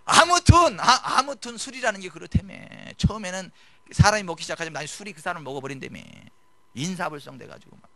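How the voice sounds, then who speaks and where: A middle-aged man preaching a sermon in a conversational style, swinging from loud to hushed. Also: sits high, lively intonation, fast talker. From South Korea. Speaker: pastor.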